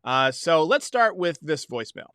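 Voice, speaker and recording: Bright, higher-pitched man hosting a sports podcast. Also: very animated, moderate pace, no room sound, studio quality. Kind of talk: casual sports commentary to listeners.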